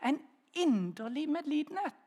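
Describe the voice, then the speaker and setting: A man preaching a sermon in a storytelling way, swinging between loud raised phrases and soft, hushed ones. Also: very high-pitched, very animated.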